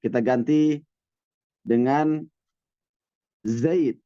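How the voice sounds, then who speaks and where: Man, Arabic grammar teacher, patient drawn-out cadence, dry and slightly muffled sound. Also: mid-range voice, dark tone, clean tone, no room sound. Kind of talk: classroom Arabic grammar lesson. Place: mosque classroom with online students.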